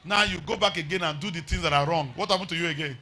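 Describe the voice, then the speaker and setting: A man's voice: on the high side, quick pace, bright, forceful tone. A man with a Nigerian accent preaching a revival sermon, exhorting emphatically with repeated phrases and rhetorical questions.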